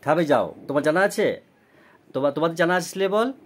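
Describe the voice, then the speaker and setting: A woman tutor giving a spelling test, repeating words slowly and quizzing her students patiently. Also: deep voice, expressive, slight background noise. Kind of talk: home tuition spelling test. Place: tuition room.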